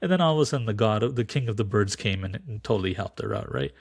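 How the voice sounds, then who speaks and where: A man's voice: on the low side, quick pace, dry recording. Man telling a story in dry room. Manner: animated storyteller, acts out quoted voices. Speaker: podcast guest, teacher of Sikh philosophy. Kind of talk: casual podcast storytelling.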